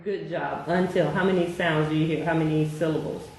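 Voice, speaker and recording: Her voice sits low, with fairly even intonation and a darkish tone, as she works one-on-one with a child on phonics. She's patient and encouraging, giving slow questioning prompts and frequent praise. Heavy echo and faint noise fill the recording.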